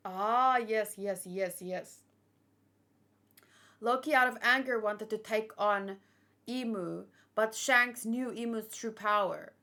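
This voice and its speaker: She speaks slowly in a mid-range voice with a sharp tone, tired out by hours of streaming. The host chats loosely with her live audience, musing aloud and rambling through fan theories.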